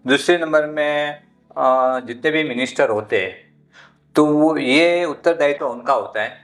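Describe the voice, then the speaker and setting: A man speaking as a Jain monk guest in a podcast interview, teaching through long rambling anecdotes and climbing high in pitch when he stresses a point. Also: a bit bright.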